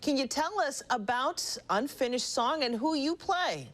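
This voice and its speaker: A woman's voice: high-pitched, lively intonation, unhurried, a bit bright. A woman interviewing a guest in a conversational, admiring and effusive way, often feeling for her phrasing.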